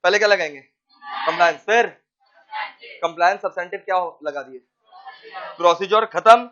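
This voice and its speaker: Male lecturer, lively and questioning, drops into English often; high voice, muffled lo-fi sound. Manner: animated, quizzes students with rapid questions; mixes English phrases into speech. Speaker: teacher. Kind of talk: classroom lecture. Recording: dull lo-fi recording.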